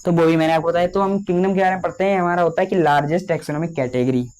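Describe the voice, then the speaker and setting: Young male biology tutor, fairly high voice, drags out key words to dictate notes. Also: steady tone, a little mellow, slight background noise. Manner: slow, drawn-out dictation of key terms; repeats fillers addressing students as children. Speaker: biology teacher. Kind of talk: lecture.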